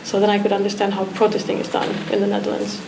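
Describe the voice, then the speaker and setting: Her pitch swings widely and her pace is quick as this mid-range-voiced woman, a Romanian artist, reflects during a talk discussion. As the guest artist, she restarts often and leans on fillers. The art academy pavilion sounds echoey, with background noise.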